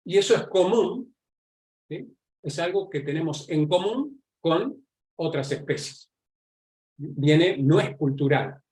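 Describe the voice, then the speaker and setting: Argentine male lecturer, slightly raised pitch, chatty and explanatory, checks in with listeners constantly. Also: expressive, takes it slowly, pauses often, a little mellow. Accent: Argentine Spanish. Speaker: lecturer on nonverbal communication. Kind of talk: live online class lecture.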